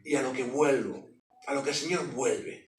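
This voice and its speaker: A man's voice: mid-range voice, normal speed. A man giving his testimony as a sermon, telling it with jokes and sound effects. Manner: animated, joking storyteller with sound effects. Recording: echoey hall, mic from a distance.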